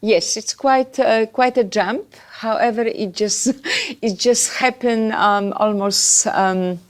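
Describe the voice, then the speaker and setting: A woman from Poland with a Polish accent, a podcast guest chatting about her life and career with pauses and fillers. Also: a little high. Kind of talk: podcast interview.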